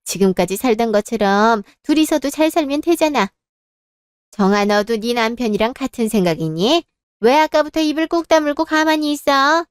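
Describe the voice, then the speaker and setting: A woman's voice: a little high, moderate pace, clean tone, no room sound, studio quality, close to an everyday voice. A woman voicing a domineering older mother-in-law who reproaches and makes demands. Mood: scolding. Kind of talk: dramatized story reading.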